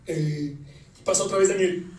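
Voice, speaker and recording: A man's voice: high-pitched, fairly even intonation, darkish tone. A man with a Mexican accent telling a heated story in a rant, coarse and slangy, acting out the lines of others. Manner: fast, coarse, slangy, acts out quotes. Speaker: comedian recounting a wedding fight. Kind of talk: ranting storytelling. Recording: echoey, distant, faint noise.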